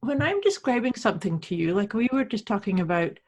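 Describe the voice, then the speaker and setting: A woman from Canada with a rather husky voice at a middle pitch. She hosts a podcast as a coach, explaining things conversationally and choosing her words in a polite, measured way. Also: big pitch swings, a little mellow. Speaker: podcast host, intuition coach. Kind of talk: conversational teaching.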